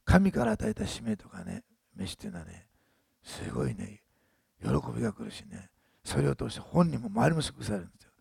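Man, 60s, pastor, anecdotal sermon, quick talker, husky, dark tone. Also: lowish voice, sing-song, no echo, studio quality. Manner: chatty storytelling, frequent tag ね. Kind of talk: sermon testimony.

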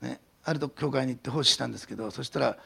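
Male pastor, fast and gravelly, animated sermon delivery with acted-out quotes. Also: mid-range voice. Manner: animated storytelling, acting out quotes.

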